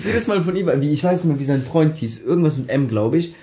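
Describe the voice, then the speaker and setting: A man's voice: fairly high pitch, animated, fast talker, warm tone. A young man chatting casually, telling stories from his school days in street slang and acting out the quoted lines. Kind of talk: casual chat.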